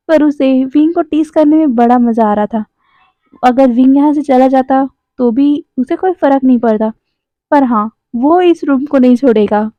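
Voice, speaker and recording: A woman's voice: sits high, no room sound. A woman narrating a fanfiction story, reading out every character's lines and chatting to viewers in between. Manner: chatty, addresses viewers as guys. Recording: dry, thin phone-like sound.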